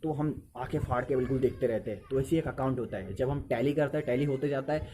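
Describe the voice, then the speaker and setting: A man's voice: mid-range voice, fast talker, mellow. Chatty male teacher with background noise. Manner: conversational, repeats phrases, mixes English into Hindi. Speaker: teacher giving study tips. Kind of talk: casual spoken study advice.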